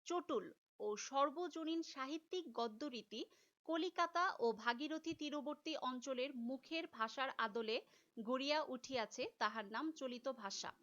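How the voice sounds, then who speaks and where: A woman's voice: sits high, measured pace, a bit bright, muffled recording. A woman teacher giving a recorded class lecture, explaining step by step and repeating key terms.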